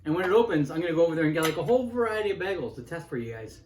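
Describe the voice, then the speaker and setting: A man with a notably high voice hosts a homemade cooking show, bantering with a guest and cracking offhand jokes. The room around him sounds echoey, like a bare home kitchen. His talk is loose and chatty. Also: expressive, very fast, a little mellow. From Midwest US. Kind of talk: casual food show chat.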